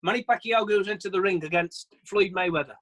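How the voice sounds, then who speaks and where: A man's voice: sits high, a little fast, a bit bright, low-quality recording. A man leading a sales training on a video call, chatty and self-deprecating, often restarting his phrases. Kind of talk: virtual training session.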